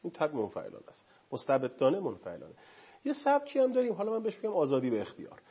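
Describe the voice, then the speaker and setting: A man speaks as a studio guest, lecturing on parenting with one example after another. His pitch swings widely and the voice has a husky edge. The sound is dull and lo-fi, like a television broadcast. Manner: animated, lecturing with lists and examples. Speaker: family counseling guest expert. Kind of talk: studio talk show explanation.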